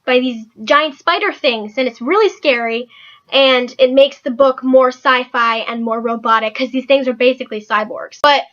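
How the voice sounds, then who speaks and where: A woman's voice: sits high, normal speed, a bit bright. A young woman chatting casually through a book review, rambling with lots of filler words. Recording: dull lo-fi recording.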